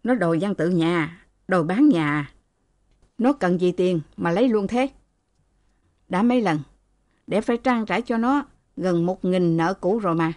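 A woman's voice: on the low side, expressive, measured pace, long pauses, darkish tone. A woman voicing a young married woman who has been beaten, speaking in a raised, pleading, tearful way.

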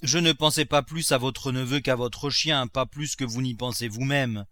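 A man's voice: medium pitch, steady tone, normal speed, bright, forceful tone, no echo, lightly acted. A man voicing an old countrywoman servant, loyal and stubborn, who talks in a rustic, bold and familiar way. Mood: pleading, protesting. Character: blunt elderly woman servant, loyal and stubborn.

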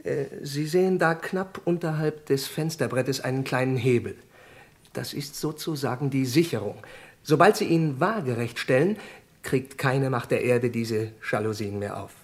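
Voicing a confident, courteous intelligence security specialist for a German crime radio play, this male actor lays out explanations formally and matter-of-factly. He speaks in a natural, mid-range voice at a moderate pace.

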